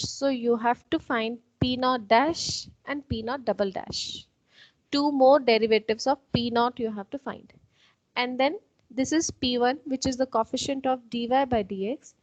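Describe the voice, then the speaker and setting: A woman's voice: on the high side, no echo. A woman teaching a math class online, explaining patiently step by step. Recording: dull, dry online-call audio.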